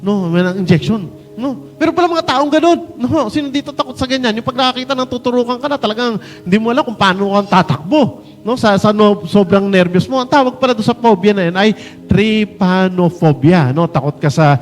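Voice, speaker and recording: A Filipino man preaching a sermon in an animated way, mixing Tagalog and English and acting out the voices he quotes. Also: sits high, fairly quick, big-room sound, soft background music. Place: church hall.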